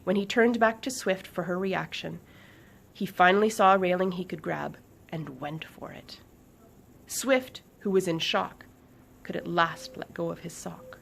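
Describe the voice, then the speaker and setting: A woman author reading her children's book aloud with expressive storytelling and dramatic pauses. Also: lowish voice, gravelly, a little hiss or hum.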